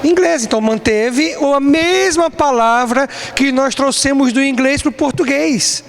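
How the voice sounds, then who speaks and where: Man, very high voice, Bible class lecture, asks and answers his own questions, long reverb. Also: unhurried, vocal fry. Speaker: Bible teacher. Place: church classroom. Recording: long reverb, faint background noise.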